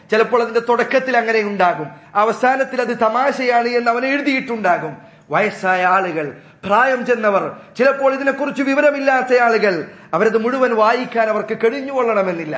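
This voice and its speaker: A man's voice: very high-pitched, a bit bright, echoey room. A male Islamic preacher giving an earnest, admonishing sermon and addressing his listeners as brothers.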